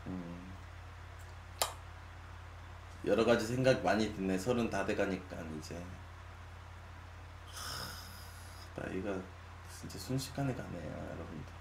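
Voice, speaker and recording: A man in his late twenties talks casually to his live viewers, musing aloud with frequent sighs. His pitch swings widely as he goes from loud to soft. The room sounds echoey, with a faint hum underneath. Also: animated. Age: 20s. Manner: musing, slow and sighing, drifting between loud and soft. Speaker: live streamer. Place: small room at a desk.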